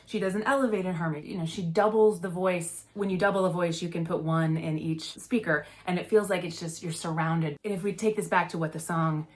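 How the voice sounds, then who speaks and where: A woman's voice: fairly low pitch, fairly even intonation, fairly quick, hardly any pauses. A middle-aged woman, a session musician, breaking down a song's production in a casual, enthusiastic explainer. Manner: enthusiastic, conversational, demonstrates by singing short notes. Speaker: music theory video host.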